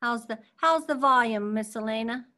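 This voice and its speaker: A woman's voice: fairly high pitch, normal speed, pushed and bright. A young adult woman teaching an online marine science lesson to children over a video call, in an upbeat, chatty teacher voice that keeps checking in with "okay?". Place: at home.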